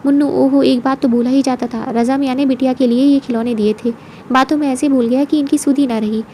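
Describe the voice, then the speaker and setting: A woman voicing a flattering, talkative male servant who bows and scrapes to his mistress. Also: high-pitched, fairly quick, a little hiss or hum, lightly acted. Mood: fawning. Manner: obsequious, keeps addressing his mistress as huzoor.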